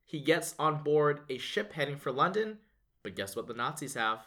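Podcast co-host, male, a bit higher-pitched, keen storyteller recapping a film. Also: big pitch swings, normal speed, fairly bright tone. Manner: enthusiastic, recaps plot with a storyteller's build-up. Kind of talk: casual legal podcast chat.

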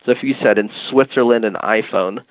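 A Boston podcast guest from a music marketing tech company explains a product casually and hesitantly, using lots of "you know" and "um." His voice is fairly low and fairly quick, recorded dry with a narrow, phone-like band and no room sound.

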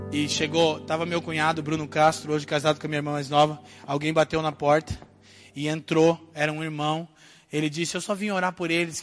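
A man from Brazil giving an animated sermon testimony, swinging from hushed asides to loud outbursts. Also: on the high side. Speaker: preacher telling his testimony.

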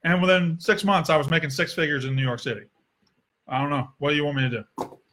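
A man delivers a heated, sarcastic sports rant in a bright voice that sits a little high. He swears freely as he hosts his podcast. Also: steady tone, fast.

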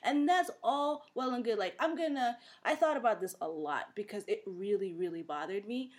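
A woman co-hosting a podcast, ranting in a heated, animated way and quoting people mockingly. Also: medium pitch, moderate pace. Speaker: podcast co-host. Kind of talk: casual podcast chat.

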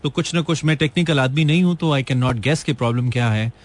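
A man's voice: medium pitch, fairly quick, dry recording. A man from Pakistan with a Pakistani Urdu accent, hosting a call-in radio show in a joking, teasing way and mixing in English phrases. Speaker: radio host.

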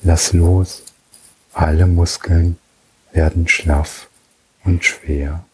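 A man guiding a relaxation journey in a soft, soothing way, with long pauses between phrases. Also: deep voice, level tone, breathy edge, rough recording. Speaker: meditation guide.

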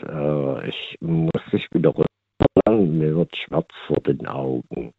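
A man calling in to a radio show over the phone, talking haltingly with many fillers. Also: rumbling low, creaky, husky, dry recording. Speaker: caller. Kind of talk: call-in chat. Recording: tinny phone line.

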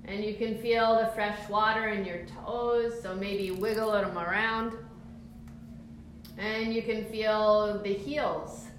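A woman instructor leading a calm guided grounding exercise, giving soothing, encouraging step-by-step cues for relaxing the body. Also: mid-range voice, slow. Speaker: movement and mindfulness instructor. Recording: very echoey room, faint background noise.

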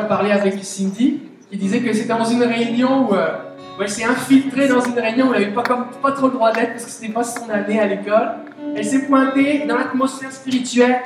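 Québécois woman preacher, chatty and animated, slightly high voice, far off in a booming hall. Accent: Québécois French. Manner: chatty, animated, asks the audience questions. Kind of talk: conversational sermon. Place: church meeting hall. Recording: very echoey hall, voice from a distance. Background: soft guitar music.

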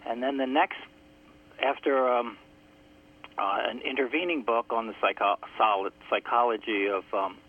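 Calling in to a radio interview as a guest author, a man recounts his story at a slow, reflective pace. His mid-range voice is carried over a tinny phone line that crackles and drops in and out.

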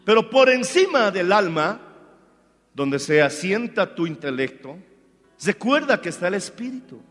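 A man, swinging between loud fervent praise and soft, hushed asides. His sermon rings with a long church-hall reverb, and soft music plays beneath it. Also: high voice. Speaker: pastor.

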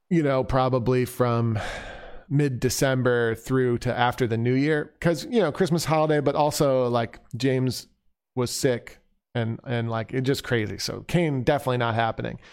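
A man talks through his notes on a piping performance in a loose, conversational way, drifting off on side thoughts. His voice is smooth and clear, at a middling pitch. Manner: conversational and digressive, thinking aloud. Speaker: bagpipe instructor. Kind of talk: casual spoken performance critique.

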